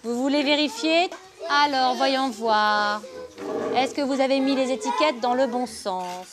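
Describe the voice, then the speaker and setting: A woman's voice: high voice, measured pace, over music. A woman teaching a reading lesson to young children in a classroom, patient and encouraging, asking many questions. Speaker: primary school teacher. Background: children's chatter.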